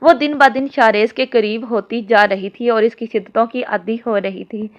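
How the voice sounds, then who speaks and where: A woman narrates a romance novel in a steady, even storybook manner. Her voice is a little high for a woman, and the lo-fi audio sounds dull. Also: moderate pace. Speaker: novel reader.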